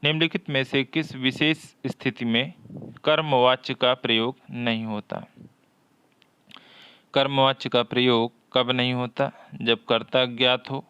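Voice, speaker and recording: A man leads a Hindi exam-prep lesson, reading each question aloud, often twice, and explaining the answer deliberately. His voice is medium-pitched, steady, sharp, and clean, though the sound is lo-fi.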